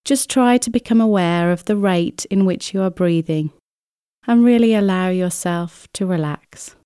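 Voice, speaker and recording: A woman guides a relaxation exercise in a mellow, smooth voice. She moves very slowly through each scripted instruction, gentle and soothing, leaving unhurried pauses. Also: fairly low pitch, no echo, studio quality. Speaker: relaxation therapist guiding an exercise. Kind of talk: scripted guided relaxation, body scan meditation.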